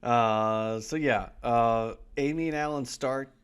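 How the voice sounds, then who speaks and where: A man's voice: mid-range voice, slow pace, smooth. A man co-hosting a podcast in casual chat, rambling and laughing often. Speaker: podcast co-host.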